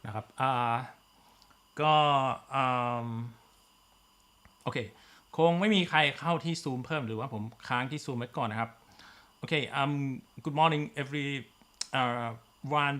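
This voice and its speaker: A man's voice: mid-range voice, takes it slowly, pauses often, a bit bright. A man with a Thai accent teaching an online physics class, full of fillers and polite particles. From Thailand. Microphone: computer mic in video class.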